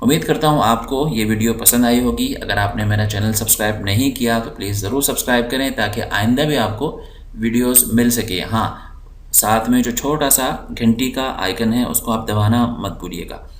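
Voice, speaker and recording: A man teaching an English course lesson, repeating each word slowly to stress its syllables. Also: medium pitch. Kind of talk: language lesson. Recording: roomy echo.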